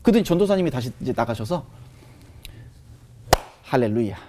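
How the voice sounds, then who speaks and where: A man sharing a personal testimony in conversation, telling it in an animated way with many fillers. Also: fairly high pitch, racing, very noisy.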